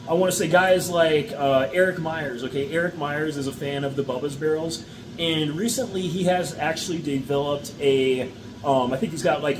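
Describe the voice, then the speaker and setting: A middle-aged man, a mushroom farmer, gives a casual how-to talk to the camera indoors, checking in often with "okay?" and "all right?". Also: a little high. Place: indoor farm room with grow shelves. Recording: steady background noise.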